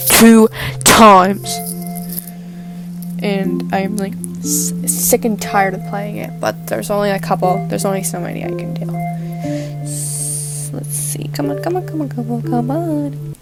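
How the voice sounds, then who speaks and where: Young woman with a cold, stuffy and gravelly, slow-talking gameplay commentary with game music behind. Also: mid-range voice, low-quality recording. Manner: rambling, lots of filler "like". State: stuffy and sick, coughing. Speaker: gaming video host.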